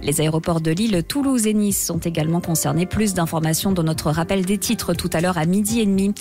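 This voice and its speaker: A woman's voice: fairly low pitch, a little fast. A woman presenting a scripted radio news bulletin in a breaking news delivery. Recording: loud music bed under voice. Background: music.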